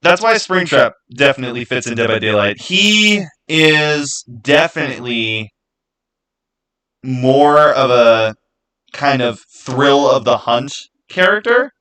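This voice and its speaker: Speaking slowly but with animation, this video host shares his views on games in an off-the-cuff, relaxed commentary. His mid-range voice has a sharp edge, and he hammers his points by repeating phrases emphatically.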